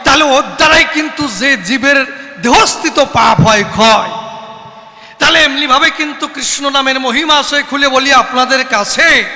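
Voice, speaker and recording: A man's voice: extremely high pitch, moderate pace, pushed and bright, long reverb tail. A man from West Bengal performing kobi gaan, chanting and calling out to the audience in a sing-song, declaiming way. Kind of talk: sung and declaimed folk debate poetry.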